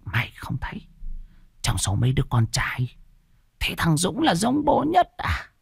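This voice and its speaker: A man's voice: fairly high pitch, wildly swooping pitch, a little slow, creaky, husky, no echo, full character voice. A man voicing a vengeful, scheming old village woman who hisses and drops into whispers in an audio storybook. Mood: mocking. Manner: bitter, hissing, swings into whispers.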